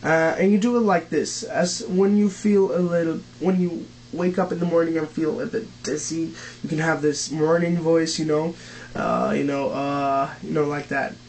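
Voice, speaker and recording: A young man who is not a native English speaker, teaching vocal techniques in a casual home tutorial, halting with many fillers and restarts. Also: on the high side, steady tone, darkish tone, slight background noise, poor audio.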